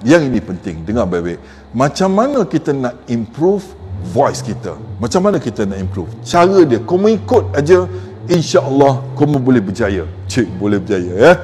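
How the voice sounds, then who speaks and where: A man's voice: mid-range voice, big pitch swings, moderate pace, a little mellow, slight background noise. A man giving casual coaching tips to camera, emphatic and repeating his key points. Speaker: content creator giving tips. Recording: long hall reverb.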